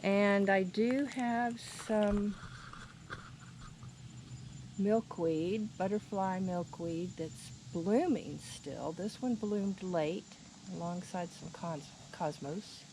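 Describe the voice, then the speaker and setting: A woman giving a casual, unhurried, plainspoken tour of a garden. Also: mid-range voice. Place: outdoors in a garden. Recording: noisy outdoor recording with insect sounds. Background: crickets and insects.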